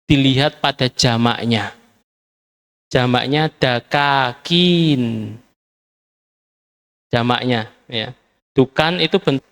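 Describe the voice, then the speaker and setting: A man's voice: mid-range voice, a bit bright. A man teaching a classroom lesson, patiently drilling words by repeating them. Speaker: Arabic teacher.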